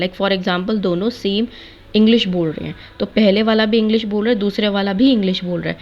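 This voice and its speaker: A woman's voice: mid-range voice, darkish tone. Woman teaching a lecture. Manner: mixes Hindi and English, lists points one by one. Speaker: B.Ed. course teacher. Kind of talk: explanatory lecture. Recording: slightly dull lo-fi recording.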